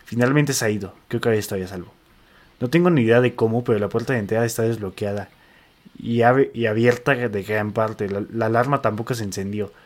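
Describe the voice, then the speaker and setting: A man's voice: on the low side, brisk. A man with a Mexican accent, reading posts aloud to a friend in casual chat with slangy asides and restarts. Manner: relaxed, slangy, reads with restarts.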